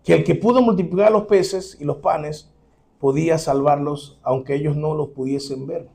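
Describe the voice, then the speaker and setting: A male pastor, preaching an animated sermon and acting out the scenes he describes. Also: a little high, normal speed, vocal fry. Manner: animated preaching, dramatic re-enactment, chuckles.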